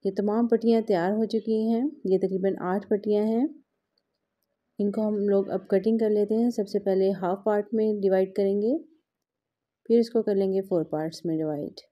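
This is step-by-step cooking instruction from a vlog host, a woman with a mid-range voice and a steady tone. She keeps a moderate pace while patiently describing each step as she works at a home kitchen counter, captured on a muffled recording.

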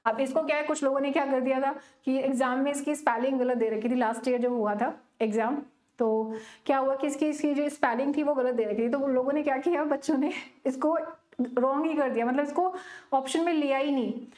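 A woman with an Indian accent teaching an online exam-prep literature class, chatty and scolding, slowing down to read questions aloud. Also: sits high, fairly even intonation, a little mellow, roomy sound. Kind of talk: live exam-prep class, mixing Hindi and English.

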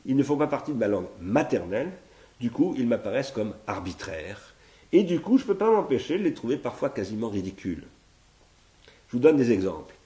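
The voice is mid-range and mellow, very animated and fairly quick: a Frenchman in his sixties giving a spoken philosophy seminar in his living room, partly from notes. He reasons in a searching way, frequently restarting and repeating words, recorded in an echoey room by a fixed camera at medium distance.

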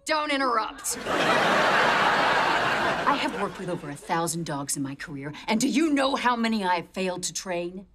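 An actress playing a rude, domineering dog trainer who barks curt commands in a sitcom. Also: female voice, medium pitch, very animated, a little slow, pauses often. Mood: bossy. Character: stern bossy woman dog trainer, rude. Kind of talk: sitcom acting. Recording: sitcom audio with loud background noise.

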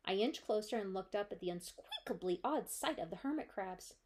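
A woman's voice: medium pitch, animated, fairly quick, a little mellow. Woman librarian reading a children's book. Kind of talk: children's book read-aloud.

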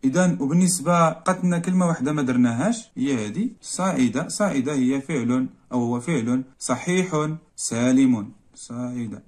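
A man with a Moroccan accent, teaching a grammar lesson and working through exercises step by step, often repeating single words slowly to stress them. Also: medium pitch, a little mellow. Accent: Moroccan Arabic. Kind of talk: classroom lesson walkthrough.

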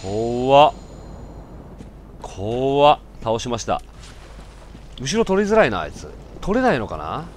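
A man giving casual let's-play commentary, breaking from muttered asides into loud startled outbursts. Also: medium pitch, big pitch swings, a little slow, pauses often, slight background noise.

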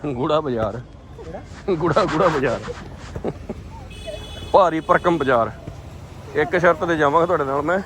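A man's voice: fairly high pitch, normal speed, long pauses, noisy background. A man with a Punjabi accent from Indian Punjab, chatting casually for a family vlog in a jokey, teasing way and often repeating his phrases. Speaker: vlogger.

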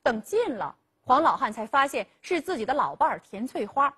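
A woman host narrates a rural tale in a bright, high voice that leaps up and down expressively. She lingers on pauses and slips into the characters' voices as she goes. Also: slightly rough. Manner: lively storytelling, acting out dialogue with drawn-out 啊 pauses. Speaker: host and storyteller of a legal program. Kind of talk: dramatic storytelling lecture.

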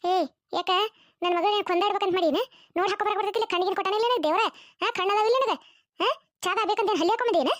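A woman's voice: extremely high pitch, fairly even intonation, very fast, no room sound, clean studio sound, pitched above the performer's own voice. A woman with a North Karnataka accent voicing a scheming, bossy older mother-in-law in a cartoon, scolding and suspicious. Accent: North Karnataka Kannada.

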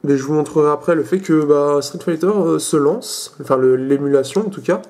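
A man's voice: a little high, a little fast, darkish tone. A young man hosting a casual tech demo, talking with many hesitations, fillers and restarts as he walks through settings. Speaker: tech video host.

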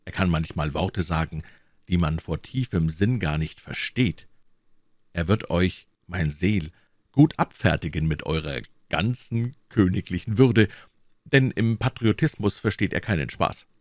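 A man's voice: deep voice, unhurried, no echo, studio quality. A man reading aloud and voicing a simple-minded townsman who boastfully praises his neighbour. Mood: eager boasting. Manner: eager, talky, praising.

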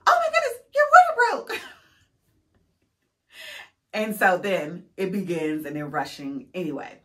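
A woman's voice: deep voice, a bit bright. A woman in her thirties, a mother of five vlogging, telling her story earnestly with faith-filled, encouraging repetition. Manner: earnest and encouraging, acts out quoted voices. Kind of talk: casual heartfelt storytelling to camera.

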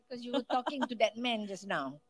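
A woman's voice: a little high, animated, moderate pace. A woman moderating a session, giving short practical cues to the speaker and the audience. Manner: brief, practical cues to wrap up.

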